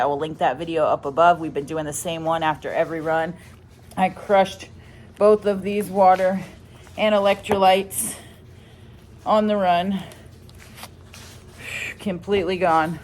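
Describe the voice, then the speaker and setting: A woman's voice: lowish voice, fairly even intonation, normal speed, pauses often, slight background noise. A woman chatting casually to her vlog viewers. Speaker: vlogger.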